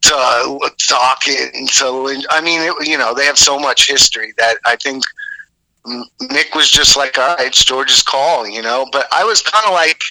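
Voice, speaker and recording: Male guest heard over the phone, very bright, dry sound, loose and rambling. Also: mid-range voice, moderate pace, no echo. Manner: rambling, many fillers and restarts. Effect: heard over a phone line. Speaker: musician guest. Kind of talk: phone interview.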